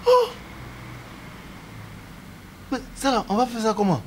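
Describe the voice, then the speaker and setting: A man's voice: very high-pitched, wildly swooping pitch, slow, a little hiss or hum, exaggerated voice. An actor with an Ivorian French accent playing a blunt, scheming male friend. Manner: conspiratorial advising. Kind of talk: TV drama acting.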